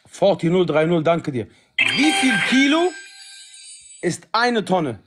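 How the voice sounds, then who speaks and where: A man's voice: high voice, big pitch swings, slow pace, background noise. A man in his thirties bantering on a livestream, slangy and repetitive, calling out to viewers. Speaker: livestream host. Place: indoors, living room. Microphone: phone at arm's length.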